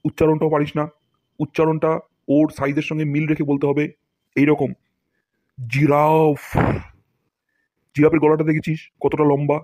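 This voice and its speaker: A man's voice: fairly high pitch, warm tone, dry recording, highs cut off, lightly acted. A man voicing a boastful, pompous male English teacher in a cartoon, scolding his pupils and acting out each word theatrically.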